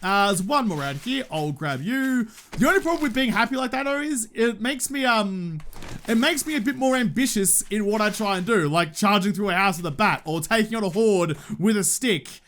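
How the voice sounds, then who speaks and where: A man's voice: sits high, expressive, moderate pace, fairly bright tone. An Australian man giving casual gameplay commentary, talking in a slangy, joking, cheerfully sweary way. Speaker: gaming video host.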